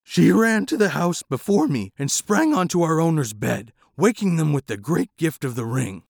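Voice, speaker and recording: A loud, barking mutt of a dog, put on by a male storyteller, his voice gravelly and full of rough edges. The pitch swings up and down as he growls out his lines, close and dry with no room sound. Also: sing-song, normal speed, no echo, full character voice. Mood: bitter. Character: gruff scruffy male mutt dog, bitter.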